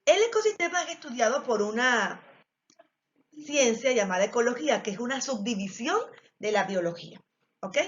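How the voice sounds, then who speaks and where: A woman's voice: a little high, lively intonation, normal speed, a bit bright. A woman with an Ecuadorian Spanish accent teaching a biology class, explaining step by step with frequent fillers and check-ins to the students. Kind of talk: recorded class lesson. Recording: dull lo-fi recording.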